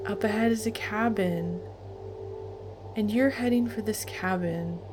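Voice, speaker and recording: A woman narrating a guided meditation in a calm, soothing, deliberate way with long pauses. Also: medium pitch. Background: music.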